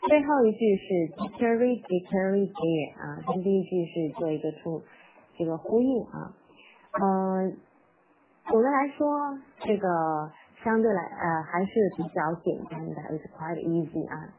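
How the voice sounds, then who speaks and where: A female English teacher on a live stream for parents and children speaks in a lowish, animated voice, patient and repetitive, slowly repeating words and spelling out sounds. She reads a rhyme aloud at slow, medium, and fast speeds, and the audio is tinny and phone-like with faint background noise.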